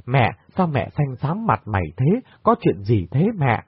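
A distraught young daughter crying out in anguish, voiced by a male reader. Her pitch rises sharply and leaps about. The recording is dry and narrow, like a phone call. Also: very animated, a little slow, husky, no room sound, exaggerated voice. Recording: dry, tinny phone-like sound.

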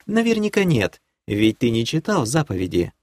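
A man voicing a haughty, scheming noblewoman who leads a clan in an audiobook; he raises his voice to play her, and she talks in a sweetly condescending way that turns sharp. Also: medium pitch, huge pitch swings, normal speed, no echo. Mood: lecturing. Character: haughty scheming female baroness, clan leader.

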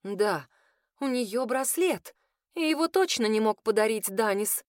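Woman reading a sharp, sensible young woman. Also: fairly high pitch, expressive, unhurried, dry recording, studio quality. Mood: reasoning. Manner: reasoning, sharp.

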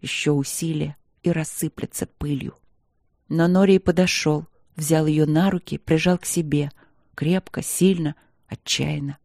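A woman narrating an audiobook in measured, even storytelling. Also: low voice, gravelly, no room sound, clean studio sound. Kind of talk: scripted narration.

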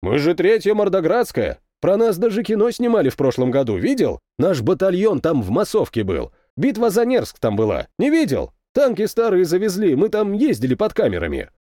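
A man voicing a brash young tank captain, loud and rough. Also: high voice, wildly swooping pitch, moderate pace, hardly any pauses, no echo, studio quality, voice pushed up. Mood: boastful. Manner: rough-spoken, boastful, loud.

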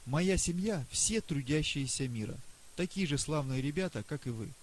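A man's voice: fairly high pitch, natural voice, rough recording. Man voicing a boastful old astronomer professor. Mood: earnest. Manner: lively, boastful, rapid questioning. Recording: faint hiss.

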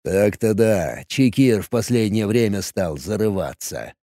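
A man voicing a veteran male goblin soldier who talks in a deep, slow, grumbling way. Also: very animated, warm tone, no room sound, clean studio sound, natural voice. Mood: musing.

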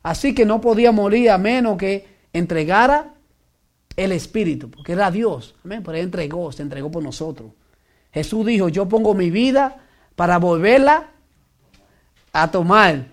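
A man's voice: high-pitched, animated, normal speed. A man preaching a sermon, reading scripture aloud and asking his listeners rhetorical questions, now and then slipping the English word "so" into his speech. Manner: preaching with frequent rhetorical questions, code-switching "so"; reads scripture aloud, then swells in emphatic bursts.

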